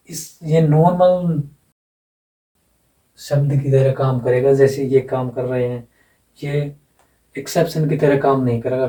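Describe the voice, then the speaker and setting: A man gives an unhurried phonetics lesson, repeating each word and spelling it out letter by letter. His voice is very dark and mellow and stays level. He sounds set back from the mic in an echoey room. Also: a little high, recorded from a distance. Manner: slow, repeats words and spells them out letter by letter. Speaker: English phonetics teacher. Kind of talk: blackboard lesson explanation.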